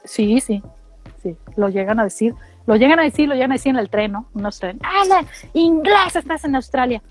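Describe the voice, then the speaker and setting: A middle-aged woman from Mexico with a Mexican accent, telling animated, slangy stories in casual chat and acting out what people said. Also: on the high side, a little fast, no room sound, soft background music. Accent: Mexican Spanish. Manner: animated storytelling, slangy, acts out quotes.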